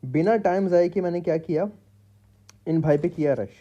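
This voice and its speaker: A gaming YouTuber records a casual, jokey gameplay voice-over at home in a room with pet parrots, chatting straight to his viewers as his public. His voice is a little high and dark, at normal speed, with lo-fi sound.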